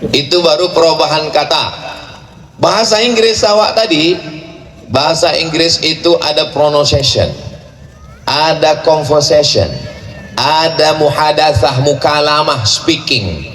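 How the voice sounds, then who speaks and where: A man preaching to a large gathering, playful and joking, rattling off rapid chanted recitation. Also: a little high, a bit bright. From Indonesia. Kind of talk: sermon at a large religious gathering. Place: large outdoor or hall gathering at a boarding school. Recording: echoey venue with faint ambient noise.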